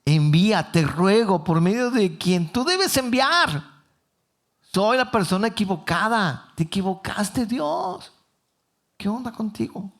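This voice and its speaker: A man's voice: sits high, sing-song, slow pace, pitched above the performer's own voice, exaggerated voice. A man with a Mexican Spanish accent playing a timid male prophet who stammers, pleads and runs himself down. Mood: pleading. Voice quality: stammering, hesitant. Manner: pleading, self-deprecating.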